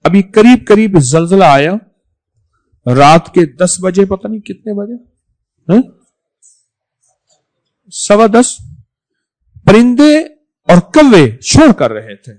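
A man giving a religious sermon, repeating phrases for emphasis and swinging between loud stresses and soft drops. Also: high voice, big pitch swings, pauses often, low-quality recording. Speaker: preacher.

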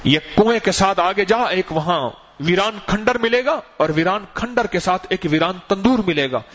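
A man's voice: high-pitched, animated, a bit bright. A man voicing stern hidden spirits who call out from inside a well, giving commanding warnings as part of a told story. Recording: muffled, lo-fi recording.

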